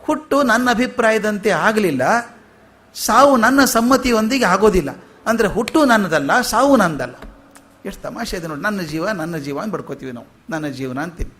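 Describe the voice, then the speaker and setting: A man's voice: sits high, animated, normal speed, fairly bright tone. A man giving a philosophical discourse to an audience, with rhetorical questions and humorous asides. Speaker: spiritual lecturer.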